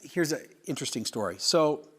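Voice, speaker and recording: A middle-aged male pastor from Canada, preaching in an animated, conversational way with rhetorical questions and quick asides. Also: fairly high pitch, slightly rough. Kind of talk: sermon.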